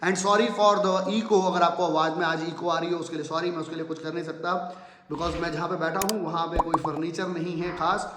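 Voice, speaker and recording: High-voiced man in an echoey bare room. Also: flat delivery, a little fast, a bit bright, a little hiss or hum. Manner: promotional, persuasive, mixes in English phrases. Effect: heavy echo from a bare room. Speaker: market commentary channel host. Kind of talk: casual market explainer to viewers. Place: room with almost no furniture. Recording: echoey sparsely furnished room.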